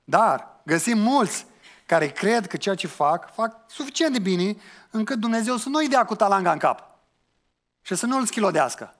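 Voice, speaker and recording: Male pastor, higher register; earnest sermon delivery, challenging and conversational. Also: expressive, fairly bright tone. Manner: earnest, questioning the listeners, colloquial asides.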